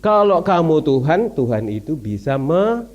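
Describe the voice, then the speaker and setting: A man voicing a calm, steadfast prophet who answers a tyrant in a low, reasoned way. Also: normal speed, lo-fi sound.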